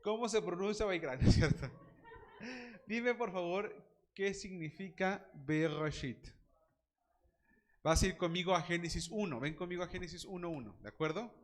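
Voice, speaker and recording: A man's voice: sits high, moderate pace. A man teaching a Bible class, quizzing students by name and joking with them.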